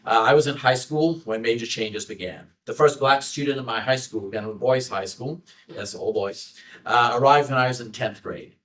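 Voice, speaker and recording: A middle-aged man from South Africa giving a measured, personal book talk from slides, with many uh fillers. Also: medium pitch, fairly bright tone, far from the mic, low-quality recording. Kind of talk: lecture with slides. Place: library event room.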